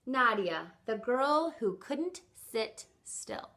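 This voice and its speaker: Here a woman whose voice runs on the high side reads to children from a picture book like a teacher, stressing the story expressively and deliberately.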